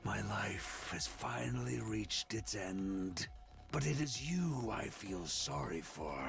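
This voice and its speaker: Old gladiator warlord, game role: grand, honorable, creaky voice, dramatic swings in pitch. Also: male voice, exaggerated voice. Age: older. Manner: gladiator-like, grand, declaiming battle speech. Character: proud, battle-hungry old gladiator warlord, honorable to the end. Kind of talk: theatrical video game acting. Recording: loud game music behind. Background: loud battle music.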